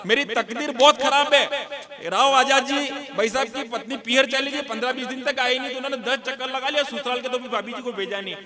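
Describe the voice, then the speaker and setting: A man's voice: extremely high pitch, a little fast, pushed and bright. A man performing as a comic poet on stage, telling folksy stories and acting out the people in them. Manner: folksy, playful, acts out quoted characters. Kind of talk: live comic storytelling on stage. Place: live stage before audience.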